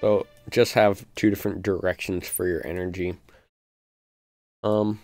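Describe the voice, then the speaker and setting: A man's voice: sits low, level tone, unhurried, darkish tone. A man producing music on a live stream, talking through his steps in a loose, casual way with lots of fillers. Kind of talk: live-stream beat-making walkthrough.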